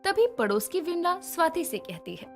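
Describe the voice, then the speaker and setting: A woman narrating a moral story in a scripted, expressive way. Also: very high voice, normal speed. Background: background music.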